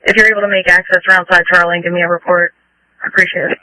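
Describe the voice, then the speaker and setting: A man's voice: high voice, flat delivery, very fast, pushed and bright, dry recording, poor audio. A man giving terse, procedural orders as a fireground commander over two-way radio. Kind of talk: emergency radio dispatch traffic, giving orders. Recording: dry, radio transmission.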